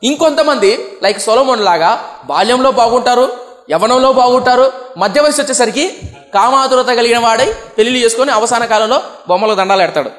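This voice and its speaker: A man's voice: extremely high pitch, fairly quick, fairly bright tone, faint music behind. A young man from India preaching a sermon, often asking the congregation questions and acting out comic quotes. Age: young adult. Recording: long hall reverb.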